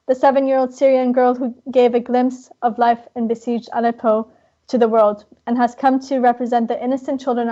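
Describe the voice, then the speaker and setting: A woman's voice: a little high, a little mellow. A woman moderating an online panel, introducing guests politely with frequent fillers. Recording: muffled online broadcast audio.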